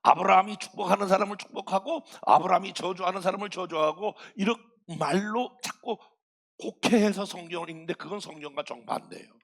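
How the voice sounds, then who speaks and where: 60대 남자 목사가 교회 예배당에서 농담을 섞어 가며 회중에게 직접 말을 건네듯 설교한다. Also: male voice, high-pitched, brisk, vocal fry, a bit bright. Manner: folksy, joking, talks straight to the congregation. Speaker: pastor. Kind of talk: sermon. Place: church sanctuary.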